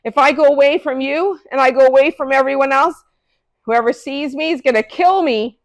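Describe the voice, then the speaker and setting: A woman's voice: on the high side, lively intonation, normal speed, a bit bright, voice pushed up, low-quality recording. A woman doing Cain, rude and indignant. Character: rude, sulky young man Cain.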